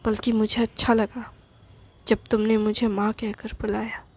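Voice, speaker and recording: A gentle older mother speaks in soft, soothing tones, as a woman storyteller puts her on. The voice is mellow and breathy, kept slow and even. She sounds caring and tender throughout. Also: on the high side.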